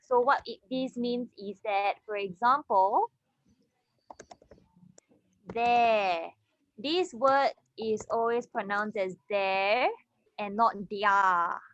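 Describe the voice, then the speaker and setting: A woman's voice: mid-range voice, takes it slowly, a bit bright, no echo, dull audio. A woman with a Singaporean English accent teaching an English reading class, explaining step by step and checking in with her students. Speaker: English tutor. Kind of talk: online class lesson.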